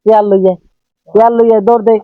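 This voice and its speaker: A man's voice: high-pitched, flat delivery, rapid-fire, no room sound, natural voice. An actor playing a doting, fussy old grandfather in a comic village drama, scolding and fussing. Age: older. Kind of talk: comedic village drama acting. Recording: dull lo-fi audio, faint music.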